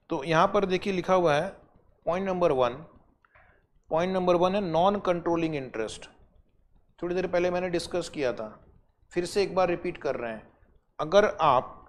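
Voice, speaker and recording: A man from India giving an accounting exam revision lecture, explaining step by step, asking students rhetorical questions and slowing down to dictate definitions. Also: high-pitched.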